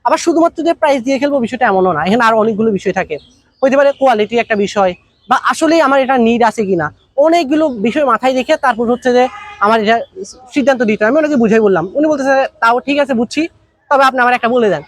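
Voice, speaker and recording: A man teaches a business masterclass in a very high voice and at a quick clip. He talks colloquially and acts out little conversations to make his points. The recording is dry and close. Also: lively intonation, dry recording. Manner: colloquial, tells anecdotes with acted dialogue. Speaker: business trainer. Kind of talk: masterclass talk.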